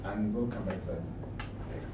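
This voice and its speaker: A low-voiced, middle-aged Danish trainer and consultant gives an informal conference presentation in a Danish accent, using short, halting, explanatory phrases. He's in an indoor event room with an audience. The recording is roomy and noisy, with a distant mic and a narrow, muffled sound.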